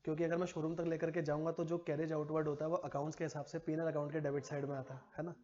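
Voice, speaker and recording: A man's voice: fairly high pitch, little pitch movement, very fast, warm tone, lo-fi sound. A man teaching commerce to a classroom, chatty and teasing, quizzing his students as he goes. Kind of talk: classroom lecture.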